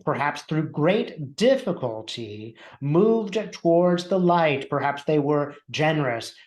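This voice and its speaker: A man speaking as a seance medium, channeling a calm, wise collective of spirit teachers in formal, measured phrases with deliberate pauses. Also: on the high side. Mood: solemn teaching. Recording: echoey room.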